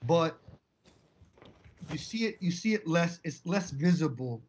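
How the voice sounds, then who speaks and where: A man's voice: fairly high pitch, unhurried, a little hiss or hum. A man from Brooklyn, co-hosting a casual podcast chat and telling stories with many restarts. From Brooklyn, New York. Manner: animated storyteller, many restarts. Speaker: co-host.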